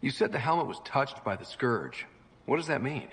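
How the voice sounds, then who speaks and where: An actor playing an earnest, curious young human explorer in video game dialogue. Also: male voice, medium pitch, big pitch swings, moderate pace, fairly bright tone, husky, big-room sound, full character voice. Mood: earnest, inquiring.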